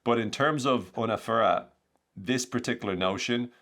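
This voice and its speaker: A man hosting a podcast, explaining techniques in an energetic, conversational way with lots of examples. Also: mid-range voice, normal speed. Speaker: podcast host, communication coach.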